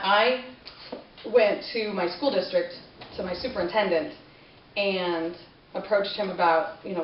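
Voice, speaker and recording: A woman's voice: medium pitch, a little hiss or hum. A woman makes a persuasive speech in a classroom in a casual, talky way and keeps asking her listeners questions. She sounds as if she stands some way back from the camera. The room echoes, and the sound is dull and muffled. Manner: conversational, with rhetorical questions. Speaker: parent giving a class speech. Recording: distant, roomy, dull classroom recording.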